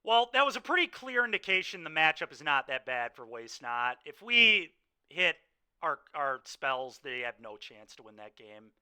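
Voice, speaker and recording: A man's voice: a little high, sing-song, normal speed, sharp tone, clear, resonant tone. A young man streaming a card game, venting his frustration and sighing between remarks to chat.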